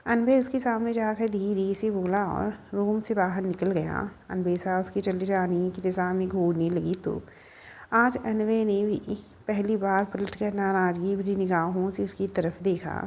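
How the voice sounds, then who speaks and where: A woman narrating an audio story, reading all the characters' lines in an even storytelling tone. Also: mid-range voice, measured pace.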